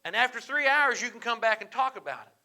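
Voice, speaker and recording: Guy preaching a marriage lesson at church, high bright voice, acts out the quotes, goes loud then quiet. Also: quick pace. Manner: animated, acts out quoted dialogue, swings from loud to hushed. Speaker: pastor teaching a marriage class. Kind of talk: church teaching talk.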